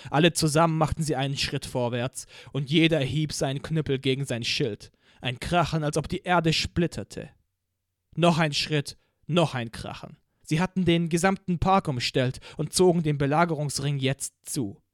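A man's voice: a little high, normal speed, no echo, clean studio sound. A man reading a first-person audiobook with vivid, dramatic narration.

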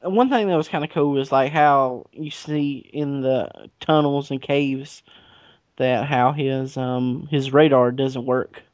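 A man's voice: mid-range voice, steady tone, a little slow, dry recording. Rambling man chatting casually, dull sound. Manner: rambling, loose, jokey, lots of fillers. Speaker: comic book podcast co-host. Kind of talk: casual chat.

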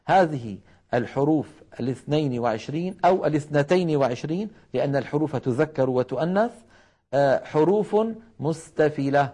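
A man with a fairly high voice leads a televised recitation lesson from a studio. He sounds out single syllables slowly and carefully, then explains how each one is formed. He keeps asking listeners at home to repeat after him. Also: animated, dark tone. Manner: repeats letter syllables to demonstrate, urges viewers to try at home. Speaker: Quran recitation teacher.

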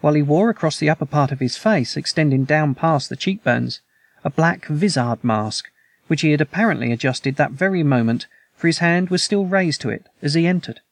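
A man narrating a classic detective story in a measured, even storytelling manner. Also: fairly high pitch, gravelly, no room sound. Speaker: audiobook narrator. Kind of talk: scripted narration.

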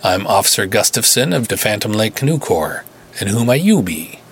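A man's voice: on the low side, big pitch swings, normal speed, husky, heavily acted. A man voicing a kindly older small-town police officer with a northern Minnesota accent and a friendly, folksy manner. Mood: concerned, folksy.

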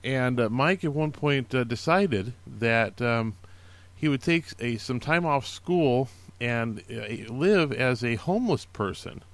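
A man's voice: mid-range voice, lively intonation, takes it slowly, no echo. A man hosting a casual show, recommending books in an earnest, encouraging way, with many fillers and restarts. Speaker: podcast host recommending books. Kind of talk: casual spoken book recommendations.

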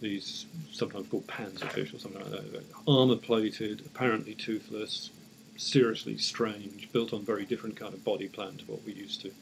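A man speaking as an academic expert in an interview, explaining off the cuff in measured, hesitant short phrases. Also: on the low side, steady tone, creaky, a little hiss or hum, low-quality recording. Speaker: academic paleontologist, interview guest.

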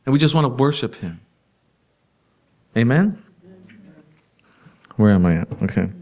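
A man preaching a sermon in a conversational way, asking the congregation rhetorical questions and laughing softly now and then. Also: medium pitch, very animated, measured pace.

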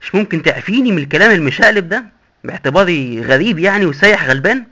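A man's voice: high-pitched, animated, very fast, sharp tone, heavily acted. A man with an Egyptian accent voicing a disgusted, frightened former king lost in hell, pleading and squeamish. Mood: fearful disgusted. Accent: Egyptian Arabic. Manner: squeamish, pleading, fearful exclamations. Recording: dull lo-fi recording.

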